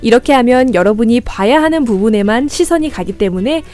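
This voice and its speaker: Brief: upbeat, slightly high-voiced woman narrator for a student tutorial, faint music underneath. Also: animated, brisk, a little mellow. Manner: friendly, encouraging, addresses viewers as students. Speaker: lesson guide. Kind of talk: scripted instructional narration.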